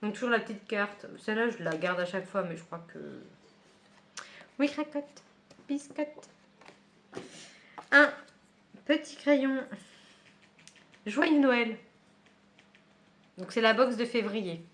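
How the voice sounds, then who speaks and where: A woman's voice: a little high, lively intonation, slow pace, pauses often, fairly bright tone, slight background noise. A woman book vlogger chatting casually at home while she unboxes a book subscription box, with many fillers and small laughs.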